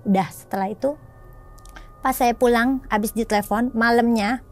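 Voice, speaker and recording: A woman from Indonesia casually retelling a personal experience, acting out the dialogue in raised, animated voices. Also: on the high side, normal speed, soft background music. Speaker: storyteller sharing a personal experience.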